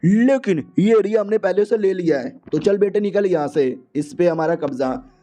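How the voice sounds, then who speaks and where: A man's voice: sits high, normal speed, dark tone, natural voice. A man voicing rude, bullying male gang members who taunt and insult.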